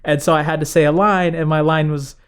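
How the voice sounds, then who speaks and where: A young man chatting on a podcast, telling a long story with plenty of fillers and laughs. His voice is a little higher than most men's. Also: fairly even intonation, fairly quick, fairly bright tone, smooth. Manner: rambling, laughs often, heavy filler "like". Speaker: podcast host. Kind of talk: casual storytelling.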